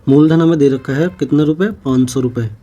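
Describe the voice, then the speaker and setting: A man with a mellow, darker voice of ordinary pitch teaches an exam-prep maths class. He talks through each problem slowly and methodically, repeating every figure as he writes it. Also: steady tone, highs cut off.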